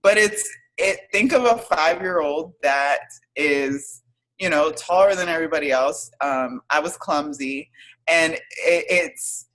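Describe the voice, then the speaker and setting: A woman in her thirties, a podcast guest telling her own story in a hesitant, reflective way with many pauses and fillers. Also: low-pitched, a bit bright, low-quality recording. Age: 30s. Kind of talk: casual interview storytelling.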